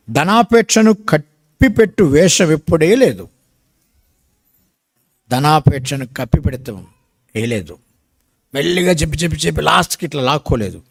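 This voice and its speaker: An older man preaching a sermon, emphatic and rising to shouts at key points. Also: on the high side.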